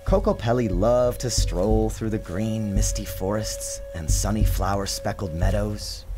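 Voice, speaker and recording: An author narrates his own children's storybook in a theatrical, expressive storyteller style, backed by music and sound design. His voice sits fairly low and moves a little slowly, and the recording quality is poor.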